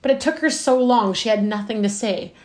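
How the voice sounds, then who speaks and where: A woman's voice: on the high side, fairly quick, darkish tone. A woman hosting a podcast interview, chatty and effusive with a lot of fillers. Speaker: podcast host. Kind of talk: casual interview chat. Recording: roomy echo.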